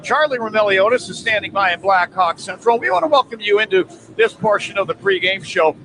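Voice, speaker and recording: A male play-by-play broadcaster hosting a hockey pregame radio show from an arena booth, reading sponsor lines briskly. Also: sits high, animated, a crowd in the background. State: recovering from lost voice after a cold. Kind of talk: pregame sports radio talk. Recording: noisy arena radio feed.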